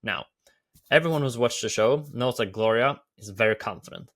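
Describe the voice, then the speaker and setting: A man's voice: mid-range voice, moderate pace, fairly bright tone. Norwegian man giving enthusiastic commentary. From Norway. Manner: enthusiastic, repetitive phrasing. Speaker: YouTube host.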